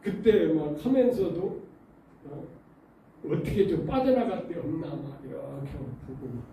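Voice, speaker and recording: Male pastor, sermon, storytelling with rhetorical questions, mellow dark tone, booming church reverb, off-mic. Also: animated, measured pace, gravelly, far from the mic, slight background noise. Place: church sanctuary. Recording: very echoey church hall, voice off-mic.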